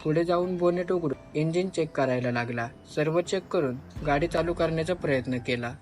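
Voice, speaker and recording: A man narrating a horror story in an expressive, dramatic storytelling style. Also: a little high, moderate pace, faint music behind. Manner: expressive, switches voices for characters.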